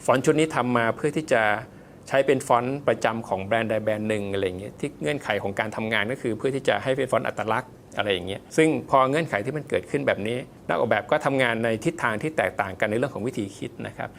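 A man's voice: medium pitch, fast, creaky, fairly bright tone, a little hiss or hum. A man, a font designer guest, giving polite, step-by-step explanatory answers in an interview, with loose casual fillers.

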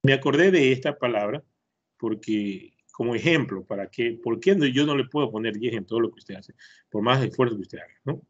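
A man's voice: medium pitch, a little fast, slightly rough. A man with an Ecuadorian Spanish accent teaching an online English class to children, patiently repeating words to drill their pronunciation. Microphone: computer mic on a video call. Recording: muffled lo-fi video-call audio.

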